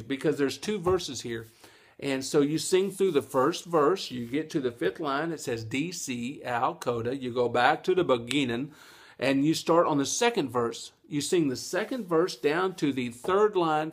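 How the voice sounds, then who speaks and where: A middle-aged man, giving a casual, folksy ukulele lesson and laughing at his own jokes. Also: medium pitch. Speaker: ukulele teacher.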